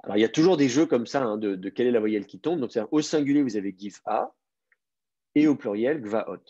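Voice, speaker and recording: Professeur à la voix voilée, diction patiente. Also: male voice, medium pitch, animated, warm tone, no room sound, muffled recording. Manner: patient, explanatory, repeats key words slowly. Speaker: Hebrew teacher. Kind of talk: online class explanation.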